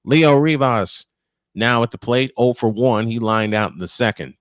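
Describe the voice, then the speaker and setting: A man with a mid-range voice calls a baseball game live as the play-by-play announcer, speaking at normal speed. He mixes in conversational, opinionated asides, and the recording is dry.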